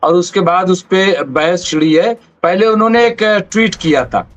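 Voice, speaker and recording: A man's voice: high-pitched, a little slow. A man in a heated political discussion, explaining his view earnestly and persistently. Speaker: debate panelist.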